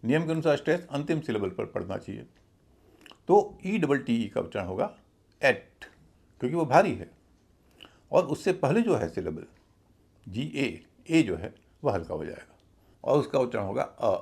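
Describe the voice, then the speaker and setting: A man's voice: medium pitch, sing-song, moderate pace, vocal fry, pauses often, a little mellow, husky. A man teaching English pronunciation in a lecture-style lesson, patiently explaining and spelling words out letter by letter.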